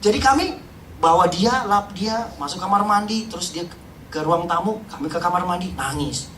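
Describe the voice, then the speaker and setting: A man's voice: high-pitched, animated, normal speed. Middle-aged guy preaching his testimony to the congregation, heavy hall echo, bit of background noise. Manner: impassioned, addresses the congregation directly, drops to hushed tones. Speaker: testimony speaker at a church. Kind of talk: emotional church testimony. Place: church hall. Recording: roomy hall, voice from far off.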